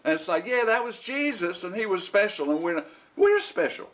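A middle-aged man teaching an informal Bible lesson. He talks in a rambling, conversational way, often restarting his sentences and clearing his throat. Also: sits high, very animated, normal speed, a bit bright.

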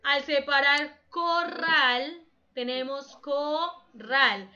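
Woman, schoolteacher, patient, questioning, slow, muffled lo-fi sound. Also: sits high, bright, forceful tone. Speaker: primary school teacher. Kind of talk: online class explanation.

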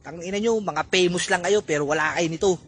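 A man's voice: high voice, a little fast, fairly bright tone. A man ranting angrily at celebrities, scolding and tagging his lines with a demanding "ha?". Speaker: netizen ranting on video. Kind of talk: angry rant. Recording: background noise.

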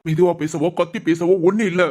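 A woman's voice: fairly low pitch, steady tone, fairly quick, darkish tone, close to an everyday voice. A woman voicing a strict, domineering middle-aged father who scolds his family in a cartoon family drama. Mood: stern.

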